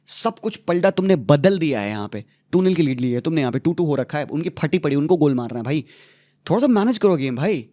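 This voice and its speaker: A fired-up young man breaks down football tactics in a heated, exasperated rant. His voice sits a little high, and he keeps slipping into English and crude slang as he hammers each point. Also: a little mellow. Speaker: football channel host.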